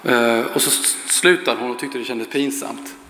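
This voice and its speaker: Bright-voiced fervent male preacher in echoey hall. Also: mid-range voice. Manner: earnest, fervent, chatty. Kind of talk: sermon with prayer and storytelling. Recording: echoey hall with long reverb.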